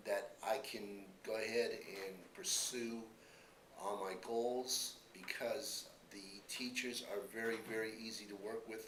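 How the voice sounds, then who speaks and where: A man in his fifties answering questions in a student news interview, speaking earnestly and haltingly and repeating his phrases. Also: lowish voice, a bit bright. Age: 50s. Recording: roomy echo, faint background noise.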